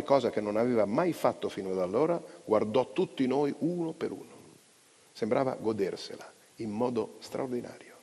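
A man narrating a novella aloud in an expressive, dramatic way, live on stage in a large hall. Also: on the low side, creaky, breathy edge. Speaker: reader. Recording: long hall reverb.

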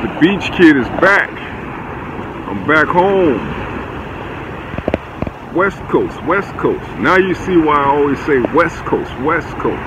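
Slow-talking playful man. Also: a little high, expressive. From Southern California. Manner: playful, laughing, hype talk. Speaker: vlogger. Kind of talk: casual selfie vlog. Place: in a car, then outdoors at a beach. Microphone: phone held at arm's length. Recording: phone audio with clear outdoor noise.

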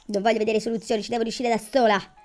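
A woman's voice: on the high side, level tone, racing, a little mellow. A woman giving casual, chatty commentary on her gameplay, thinking aloud and exclaiming as she goes. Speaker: gamer.

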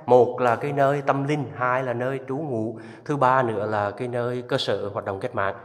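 A travel vlogger with a steady, medium-pitched voice at normal speed gives an enthusiastic, casual guided tour inside a limestone cave. He addresses viewers often, and the cave echoes with long reverb.

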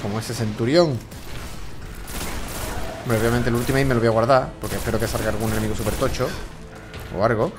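A man comments casually on a video game, hoarse from a cold. He jokes, swears and taunts enemies, with game music and gunfire loud behind him. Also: medium pitch, steady tone, fairly quick, pauses often. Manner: joking, swearing, talks to enemies. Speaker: gameplay commentator.

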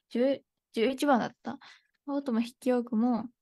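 Chatty young woman teaching, slightly high. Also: steady tone, measured pace, creaky, a little mellow, no echo, clean studio sound. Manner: chatty, thinks aloud, laughs often. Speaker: Japanese teacher. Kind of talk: casual live online lesson.

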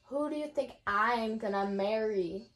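A woman's voice: on the high side, measured pace, fairly bright tone. A young woman bantering casually and playfully with a friend, repeating her phrases to be understood. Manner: repeats phrases to a partner who can't hear. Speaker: challenge video participant. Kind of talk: casual playful banter in a lip-reading game. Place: small bedroom, indoors.

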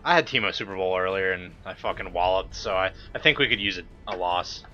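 Bright-voiced young man gaming with friends. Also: sits low, fairly quick, lo-fi sound, soft background music. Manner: crude, joking, laid-back. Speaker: gaming streamer. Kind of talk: casual gaming banter.

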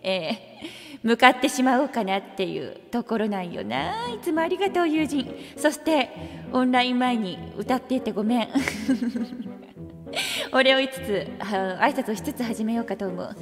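A woman's voice: fairly high pitch, animated, moderate pace. A woman hosting a karaoke livestream and chatting casually, using an archaic regal way of talking and playfully greeting viewers one by one. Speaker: virtual streamer hosting a karaoke stream. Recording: reverb-heavy with music playing behind.

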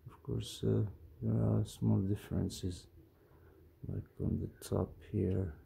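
Man, knife collector vlog, mumbled and halting, low flat voice. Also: gravelly, slight background noise. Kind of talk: casual show-and-tell.

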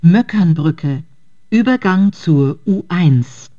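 A woman's station calls come over a train intercom, each one slow and deliberate. Her voice sits fairly low. The sound is dull and lo-fi, with piano music clearly behind it. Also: animated. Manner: measured, clipped station calls. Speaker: train announcer. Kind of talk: recorded station announcements.

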